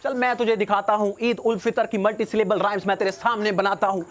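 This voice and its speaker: A young man with a high voice spits battle-rap verses at a rival. He sounds cocky and taunting, with a mocking edge to every rhyme and English phrases thrown in. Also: level tone, quick pace, fairly bright tone. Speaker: battle rapper.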